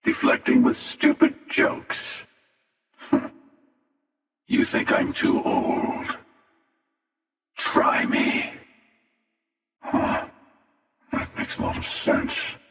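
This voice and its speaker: An actor playing a menacing, sardonic armored hunter in a video game, with a raspy whisper-like voice through a helmet filter, taunting and wry. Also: male voice, drawn-out words, long pauses, fairly bright tone. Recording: echoing, distant, long reverberant processing.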